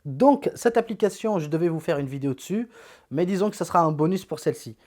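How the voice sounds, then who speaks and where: Tech youtuber guy with a kinda high voice, blunt and slangy, keeps repeating words as he shows his apps. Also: animated, quick pace, a little mellow. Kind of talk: casual phone app walkthrough.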